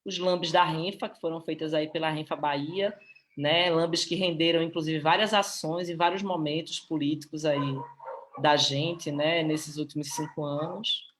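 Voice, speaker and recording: A woman's voice: sits low, steady tone, moderate pace, a little hiss or hum. Emotional Brazilian woman presenting live. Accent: Brazilian Portuguese. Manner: emotional, heartfelt. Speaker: activist presenting a publication.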